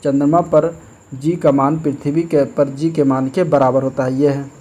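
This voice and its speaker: A man's voice: medium pitch, normal speed. A man teaching as an exam-prep tutor, working through practice questions step by step and often checking in with "okay". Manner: steady explanatory, repeats "ठीक है", frequent fillers. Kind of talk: explaining practice test questions.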